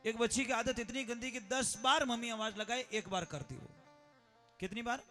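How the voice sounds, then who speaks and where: A man's voice: very high voice, moderate pace, pushed and bright, soft background music. A man preaching a moral sermon at a conference, acting out family stories with dramatic shifts in voice. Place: education conference hall.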